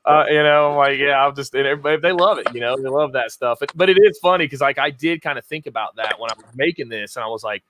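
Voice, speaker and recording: A man talking about his YouTube channel as a guest in a casual interview, energetic and laughing often. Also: mid-range voice, quick pace, hardly any pauses, slight background noise. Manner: energetic self-styled hype talker, laughs often.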